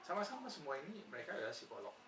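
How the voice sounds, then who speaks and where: A nursing lecturer with an Indonesian accent teaches psychology in a fairly high voice that swoops wildly in pitch, speaking rapid-fire over music. He patiently explains, answers his own questions, and says "ya" often. The mic is distant in a roomy space with a noisy background.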